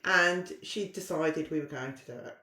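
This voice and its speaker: A middle-aged woman from southern England, appearing as a podcast guest, tells stories in a chatty, self-mocking way. Her voice is deep and sharp, her pace moderate, and the recording has a roomy echo.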